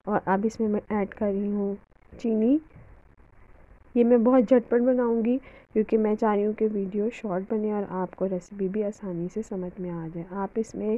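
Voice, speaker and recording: A woman's voice: mid-range voice, mellow, muffled recording. Chatty woman cooking host. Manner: chatty, homely, with religious greetings and fillers. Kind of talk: home cooking tutorial voice-over.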